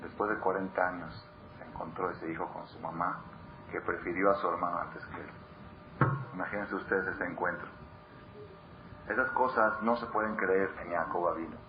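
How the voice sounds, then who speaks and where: With a low voice, fairly even intonation and a moderate pace, a man teaches a Torah class to people in the room. He's emphatic, repeating words for emphasis and quizzing his listeners, and the lo-fi recording sounds dull, with background noise clearly present.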